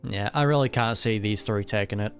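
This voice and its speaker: Over background game music, a man reacts to a video game in a relaxed, reflective way, not mincing his words. He is a gaming reaction host whose voice is on the low side and brisk.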